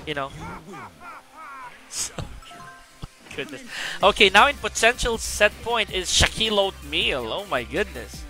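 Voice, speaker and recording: A man giving casual live-stream game commentary, chatty and excitable as he greets viewers. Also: sits high, a little slow, pauses often, soft background music.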